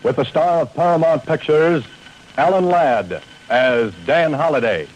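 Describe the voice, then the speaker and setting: Slow, dramatic 1940s radio announcer man. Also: fairly high pitch, lively intonation, highs cut off, heavy background noise. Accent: American. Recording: old radio recording with loud music.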